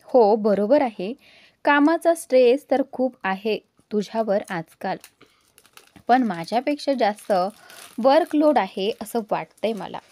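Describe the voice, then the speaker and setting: A woman's voice: fairly high pitch, animated, measured pace, dry recording. A woman voicing a jealous young man who speaks in a cutting, sarcastic way to his lover.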